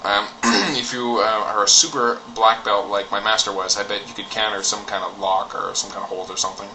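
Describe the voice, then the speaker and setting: A man's voice: fairly low pitch, little pitch movement, a little fast, bright, forceful tone. A man giving a casual, opinionated rant in a blunt, informal way with some swearing. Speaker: martial arts enthusiast giving opinions. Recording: clearly noisy recording with background ambience.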